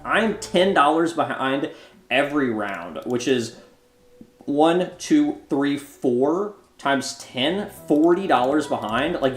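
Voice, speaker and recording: A young man in his twenties runs a live stream of a card game, talking in a loose, joking, chatty way to his viewers. His voice sits at an ordinary middle pitch and rings a bit in a roomy space. Faint music plays underneath. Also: fairly bright tone. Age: 20s. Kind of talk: casual live-stream commentary.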